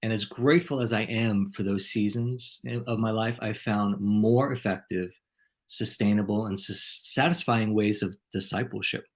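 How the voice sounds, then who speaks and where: A man's voice: on the low side, fairly even intonation, moderate pace. A man hosting a podcast and being interviewed, talking in an ornate, playful way. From New York.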